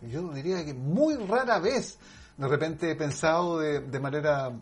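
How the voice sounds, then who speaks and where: A man's voice: on the high side, animated, a little slow, slightly rough. A man who hosts the show, chatty and upbeat, asking his guest leading questions. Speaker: host. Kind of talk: talk show interview.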